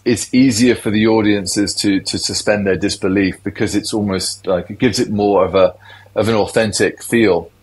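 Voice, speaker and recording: Low-voiced man explaining casually. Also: low-quality recording. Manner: explanatory, loose and conversational. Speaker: tech industry guest.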